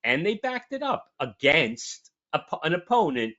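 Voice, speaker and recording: A man's voice: fairly high pitch, sing-song, a little slow, bright, forceful tone. Rambling sports-talk man, muffled audio. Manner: rambling, emphatic, frequent restarts. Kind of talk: casual sports chat. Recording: dull lo-fi audio.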